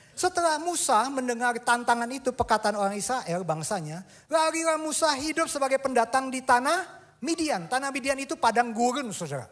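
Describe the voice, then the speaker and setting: High-voiced preacher, dramatic swings. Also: male voice, fairly bright tone. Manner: mixes English phrases into his preaching; tells personal stories with acted dialogue. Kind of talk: sermon.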